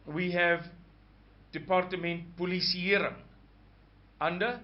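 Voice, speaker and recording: Croaky-voiced man, rambling. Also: sits high, fairly even intonation, takes it slowly. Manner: rambling, searches for words aloud. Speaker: host. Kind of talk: casual monologue. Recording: dull lo-fi sound.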